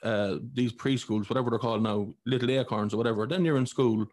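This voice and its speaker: A man's voice: medium pitch, fast talker, darkish tone. Blunt Irish man in his forties. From Ireland. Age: 40s. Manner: blunt, heated, swears freely. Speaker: podcast host. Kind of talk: casual conversation.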